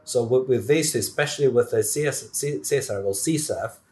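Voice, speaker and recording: A man speaking as a guest expert in a technical interview, animated, with many fillers and restarts. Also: medium pitch, quick pace.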